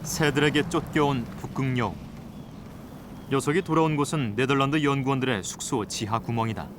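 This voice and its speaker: A man reading scripted nature documentary narration in a measured, formal broadcast style. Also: medium pitch, noisy background. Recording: loud music bed under voice. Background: prominent background music.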